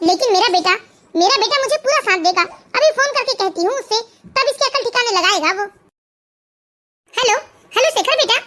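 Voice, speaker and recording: A woman voicing a domineering, scolding middle-aged mother-in-law in an animated family story. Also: very high voice, noisy background. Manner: bossy, sharp, indignant.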